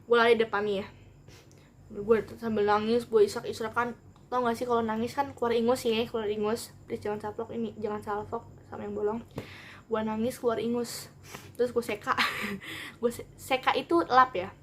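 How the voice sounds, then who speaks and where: A woman's voice: fairly high pitch, normal speed, slight background noise. Chatty young woman with slang. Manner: animated, rambling, acts out every quote. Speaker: vlogger. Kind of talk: casual storytime vlog.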